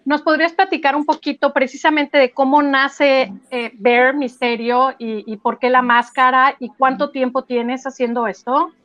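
A woman hosting a casual interview with a very high voice. She asks friendly questions and chimes in often. Her voice is dry and close to the mic. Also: fairly even intonation, moderate pace, few pauses, fairly bright tone, no room sound, highs cut off. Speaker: host.

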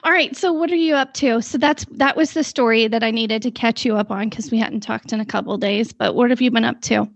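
A woman's voice: a little high, brisk, gravelly, hardly any pauses, dry recording. A woman co-hosting a casual chat show, a rambling storyteller who goes off on tangents, recorded with a dull, slightly lo-fi sound. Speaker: podcast co-host.

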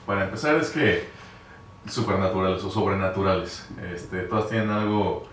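Lowish man, echoey and far off. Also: moderate pace, a bit bright. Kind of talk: casual chat. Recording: echoey room, far from mic, faint noise.

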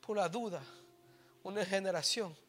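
A middle-aged man preaching a sermon, mixing in English phrases and swinging from soft asides to loud exhortation. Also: high-pitched, normal speed. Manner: mixes English phrases into Spanish.

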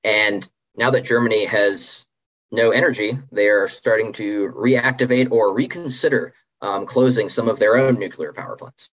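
Husky low-voiced man, dull lo-fi audio. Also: fairly even intonation, normal speed, fairly bright tone. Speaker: interview guest, policy associate. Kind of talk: conversational policy explanation.

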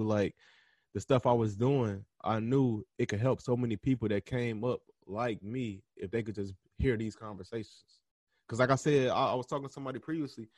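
A young man hosting a podcast, answering interview questions in a relaxed, slangy way, often pausing and restarting as he thinks aloud. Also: medium pitch, no room sound. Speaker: podcast host being interviewed. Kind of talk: casual interview conversation.

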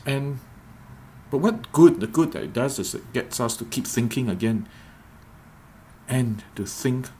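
A preacher delivers a reflective devotional talk on a podcast, speaking in a measured way and repeating phrases for emphasis. His voice is mid-range and a little mellow.

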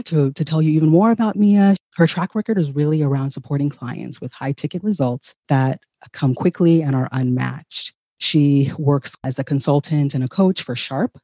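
Encouraging woman from Ghana, mellow. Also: low-pitched, no room sound. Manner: upbeat, encouraging. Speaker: podcast host and nurse practitioner. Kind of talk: podcast interview intro.

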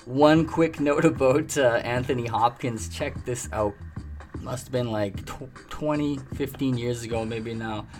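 A man's voice: mid-range voice, unhurried. A man hosting a music show in a laid-back, chatty way, laughing often as he talks about records. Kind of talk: casual chat. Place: treehouse restaurant and bar. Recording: music clearly behind the voice.

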